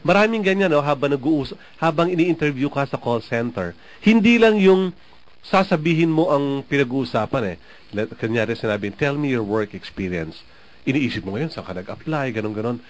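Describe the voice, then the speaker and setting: A man's voice: mid-range voice, animated, fairly quick. A man from the Philippines hosting a program, giving casual advice to listeners in a chatty way, often tagging "no?" onto his sentences. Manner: chatty, often adds "no?" and laughs. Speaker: radio program host.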